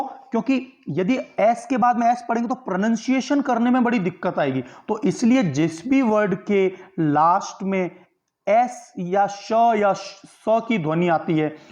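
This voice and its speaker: This online exam-prep grammar lecture comes from a man whose voice is high and a little mellow, captured with lo-fi sound. He explains in steps, frequently responds to his own questions, and leans on agreement-seeking tag questions.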